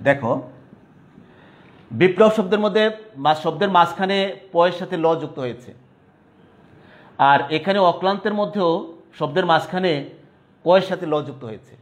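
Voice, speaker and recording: A man's voice: high voice, moderate pace, pauses often. A male teacher, giving a classroom grammar lecture and often checking whether students follow. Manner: explanatory, asks "clear?" to check understanding. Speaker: college Bengali teacher.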